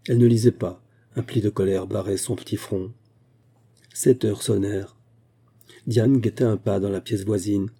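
A man reading a short story aloud in a measured storytelling way. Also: fairly low pitch, steady tone, warm tone, breathy edge. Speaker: reader.

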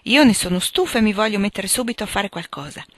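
A woman reading aloud voices an outspoken teenage girl, blunt and eager, always first to speak. The sound is dry and close. The pitch sits in the middle. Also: expressive, fast, a bit bright, dry recording. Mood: exasperated.

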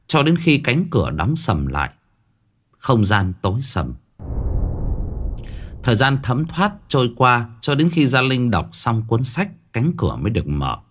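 A man narrating a horror story in an expressive, dramatic storytelling style. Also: on the low side.

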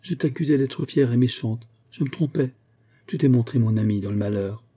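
A man voicing a frail young girl who speaks in a soft, humble way. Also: mid-range voice, normal speed, slightly rough, close to an everyday voice.

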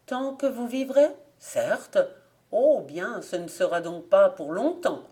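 A woman's voice: medium pitch, lively intonation, takes it slowly, dark tone. A woman reading aloud and voicing a shrewd, mocking noblewoman duchess in a storybook legend, firm and mocking.

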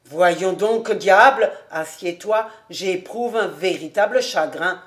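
A woman's voice: fairly low pitch, slow. A woman doing a teasing, jovial gourmand. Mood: coaxing. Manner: teasing, half-serious. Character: jovial well-off man, teasing, fond of food. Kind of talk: audiobook character reading.

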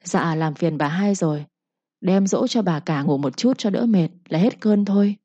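A woman's voice: on the low side, normal speed, dark tone, no room sound, lo-fi sound, natural voice. A woman doing a loyal, caring old nanny.

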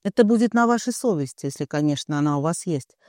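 A man's voice: a little high, expressive, fast talker, darkish tone, no echo, clean studio sound, lightly acted. A man voicing a distraught young woman who pleads through tears and lashes out at her parents. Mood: furious. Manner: tearful pleading.

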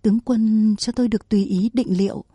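A woman's voice: medium pitch, fairly even intonation, brisk, dark tone, husky, no echo, pitched above the performer's own voice, natural voice. A woman voicing a frightened male court official who stammers in a flustered way, in a storybook reading.

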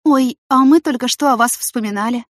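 A fragile, wounded pregnant woman, played by a woman narrator, speaking in tearful, pleading bursts. Her voice is raised high and strained above the reader's normal tone. The audiobook recording is dry and close-miked. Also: animated, moderate pace, no echo. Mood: upset.

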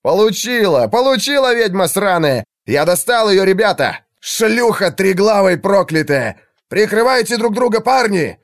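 A man voicing a crude male soldier shouting in triumph. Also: sits high, very animated, moderate pace, no echo, clean studio sound, voice pushed up. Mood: gloating. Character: gloating rough male soldier.

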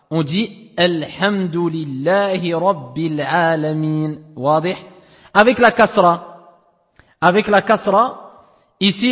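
A man teaching Quran recitation rules, repeating each word slowly and often checking that his students follow. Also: sits high, long reverb tail. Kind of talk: tajwid lesson explaining rules. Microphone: lo-fi audio recording.

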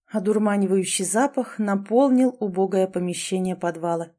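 A woman's voice: medium pitch, normal speed, dark tone. A woman narrating a fantasy storybook aloud. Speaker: audiobook narrator.

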